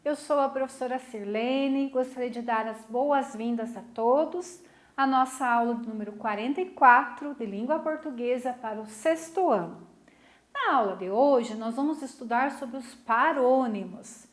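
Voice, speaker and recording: A woman's voice: high voice, normal speed, echoey room. A middle-aged woman teacher giving a recorded class, asking questions and checking in with her students often. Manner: lively, questioning, warm teacher talk with "né?" tags. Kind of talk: recorded online class lesson.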